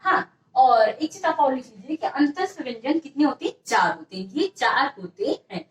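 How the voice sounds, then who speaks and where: High-voiced woman teaching, echoey room. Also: sing-song, normal speed, far from the mic. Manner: repeats questions and answers them herself. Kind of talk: exam-prep grammar lesson.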